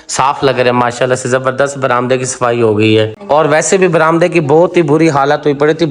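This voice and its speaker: A man with a Pakistani Urdu accent, chatting and joking casually with family in a village home vlog. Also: a little high. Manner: teasing, jokey. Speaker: vlogger host.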